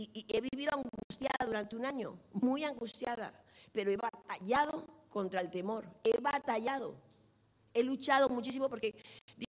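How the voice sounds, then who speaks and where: A middle-aged woman preaching a sermon. She tells stories with lively quoted dialogue. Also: a little high.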